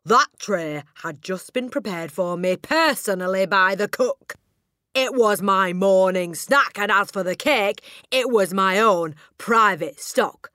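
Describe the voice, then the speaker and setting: A tyrannical storybook headmistress. She is theatrical and menacing, with wide swings in pitch and drawn-out, barked emphasis. The recording is close and dry. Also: big pitch swings, dry recording, full character voice. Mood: outraged. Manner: booming, barking insults with drawn-out emphasis. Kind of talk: audiobook character acting.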